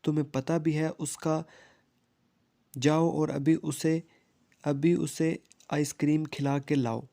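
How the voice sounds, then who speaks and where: A middle-aged mother who scolds her son and insists he obey, voiced by a male narrator. The tone is mellow and fairly flat, pitched a little high for a man. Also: vocal fry. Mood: scolding.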